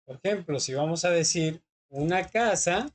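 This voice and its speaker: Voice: mid-range voice, expressive, moderate pace. A teacher, patiently explaining English grammar in class and often checking that students follow. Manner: patient, often checks understanding with short questions.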